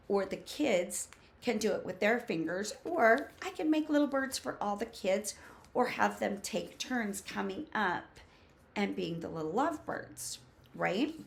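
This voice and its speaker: A woman's voice: medium pitch, vocal fry. A woman in her fifties giving casual, emphatic instruction to camera as a preschool teaching coach, listing points in short phrases. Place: small home room with bookshelves.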